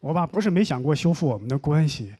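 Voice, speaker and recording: Young male stand-up comic, deadpan storyteller, lively high voice, live stage mic. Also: fast talker, slightly rough. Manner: deadpan storytelling, mock complaints. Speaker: stand-up comedian. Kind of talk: stand-up comedy set. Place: comedy stage with live audience. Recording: noisy live show audio.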